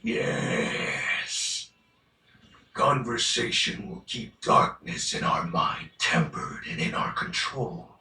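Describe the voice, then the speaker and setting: A bombastic, wildly swooping shadow lord. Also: male voice, mid-range voice, big pitch swings, vocal fry, pushed and bright, recorded from a distance, heavily acted. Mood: grand, brooding. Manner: bombastic, drawn-out commanding proclamations. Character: theatrical, grandiose shadow lord, pompous ruler of darkness. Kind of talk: video game character acting. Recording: roomy echo, faint music behind.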